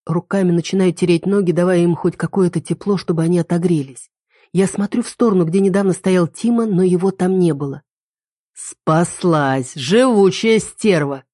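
A woman narrating a first-person dark thriller novel with tense, dramatic delivery. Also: lowish voice, fast, no echo, clean studio sound. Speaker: audiobook narrator.

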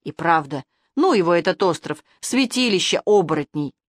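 A woman's voice: fairly low pitch, expressive, moderate pace, no echo, studio quality. Woman narrating a fantasy audiobook. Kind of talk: scripted narration.

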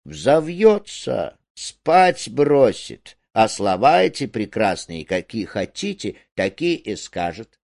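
A sly, scheming woman, voiced by a man reading the play, speaking slowly and knowingly. She sounds conspiratorial, with lively pitch swings. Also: creaky, no echo, clean studio sound, heavily acted.

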